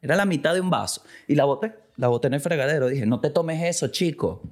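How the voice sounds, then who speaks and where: A man with a Venezuelan accent hosting a casual comic monologue, animated and acting out little quoted exchanges, now and then breaking into loud outbursts. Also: fairly high pitch. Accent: Venezuelan Spanish. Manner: acts out dialogue in quick quotes. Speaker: podcast host.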